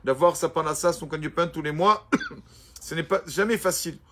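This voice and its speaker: A man's voice: a little high, moderate pace, fairly bright tone, a little hiss or hum. A man, a rabbi, giving a Torah class and telling stories, acting out the dialogue of the people in them.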